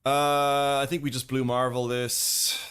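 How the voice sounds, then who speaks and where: A man's voice: mid-range voice, little pitch movement, a little slow, a bit bright, clear, resonant tone. A man casually commenting on his own card game as he plays live, thinking aloud and greeting viewers in chat. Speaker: streamer and YouTube host.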